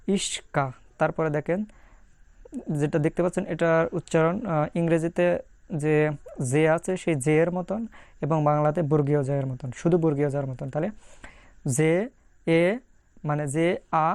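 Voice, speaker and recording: A man's voice: fairly high pitch, gravelly, darkish tone, no echo. Guy teaching a language lesson online, says every phrase over and over, lots of "ah", dry close sound. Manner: repeats phrases slowly, with frequent 'ah' fillers.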